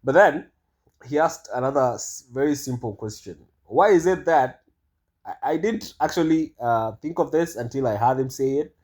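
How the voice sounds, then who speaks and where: A man's voice: medium pitch, animated, normal speed, darkish tone. A man giving casual monologue commentary, rambling and hesitant with many fillers and restarts. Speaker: vlogger.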